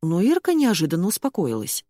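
A woman narrating a first-person comic novel as an audiobook, in a wry and expressive manner. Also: lowish voice, brisk, dry recording, studio quality.

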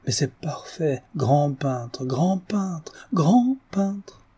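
A man voicing an excitable, fawning middle-aged notary who heaps effusive praise on everyone. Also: mid-range voice, a little slow, husky, pitched above the performer's own voice. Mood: gushing. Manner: gushing, effusive flattery. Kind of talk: audiobook character reading.

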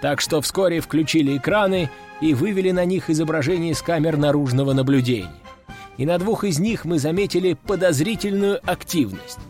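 A man's voice: on the high side, fairly quick, a little mellow, faint music behind. A man narrating a first-person audiobook in a wry, ironic tone.

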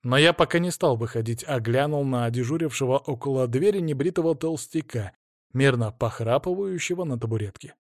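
A man narrating a fantasy novel in the first person with brisk, vivid delivery. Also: medium pitch, dry recording, clean studio sound.

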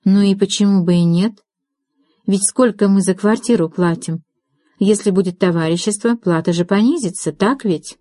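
A woman reading the lines of a sharp-tongued young woman in an audiobook, ironic and snappy. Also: medium pitch, moderate pace, no echo, clean studio sound, close to an everyday voice. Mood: musing.

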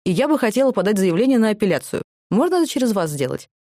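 A woman voicing a reserved young woman political detainee who speaks quietly and curtly. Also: medium pitch, sing-song, very fast, no echo, studio quality, pitched above the performer's own voice. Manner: quiet, curt.

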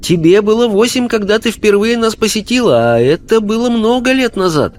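A kindly older lady speaks in a rich, gentle voice, as a male reader puts her on. The tone is soft and affectionate. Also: high-pitched, animated, normal speed, pitched above the performer's own voice. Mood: tender. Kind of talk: audiobook character voice.

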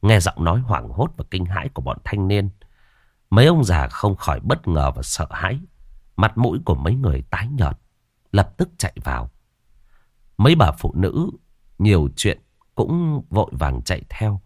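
A man narrating a ghost story in a dramatic, lively storytelling manner. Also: sits low, normal speed, husky, no room sound, clean studio sound.

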